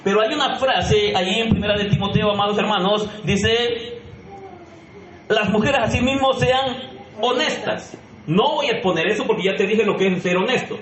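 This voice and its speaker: A man preaches a sermon with a high, bright-edged voice, pressing his points and calling out questions to the congregation. His voice rings in an echoey church sanctuary with a faint hum of ambience behind it. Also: moderate pace. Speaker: pastor.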